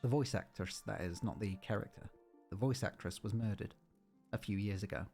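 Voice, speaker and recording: A man's voice: fairly low pitch, moderate pace, gravelly, darkish tone. A man streaming a game, giving casual, chatty commentary with rambling asides. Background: game music.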